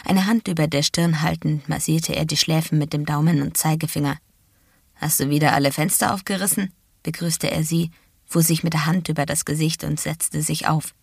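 A woman reads a novel aloud in a steady, even storytelling manner. Her voice sits low, and the recording is close and dry with no room sound. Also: normal speed, gravelly, husky, no room sound. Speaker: narrator. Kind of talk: scripted narration of a novel.

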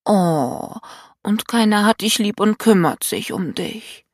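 A woman's voice: mid-range voice, animated, slow pace, dry recording, clean studio sound, voice pushed up. Woman reading a teasing, caring young male friend. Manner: teasing, sympathetic. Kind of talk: audiobook character voice.

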